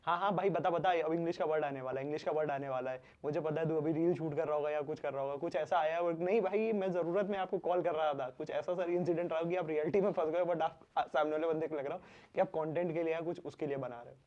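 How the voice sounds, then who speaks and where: Indian interviewer asking long questions. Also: male voice, a little high, fairly even intonation, quick pace, few pauses, a little mellow, dull audio. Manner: long, rambling questions with polite address.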